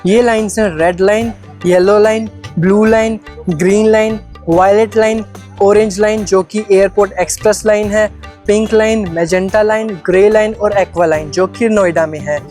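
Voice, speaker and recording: A man's voice: high-pitched, fairly even intonation, normal speed, darkish tone, soft background music. A man with an Indian accent giving step-by-step travel guide narration, instructional and mixing in English phrases. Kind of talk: step-by-step explanatory vlog narration.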